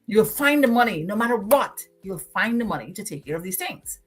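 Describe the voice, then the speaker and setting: A woman's voice: medium pitch, sing-song, brisk, husky, soft background music. A woman from Guyana with a Guyanese accent, hosting a motivational livestream and preaching, repeating phrases for emphasis. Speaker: livestream host.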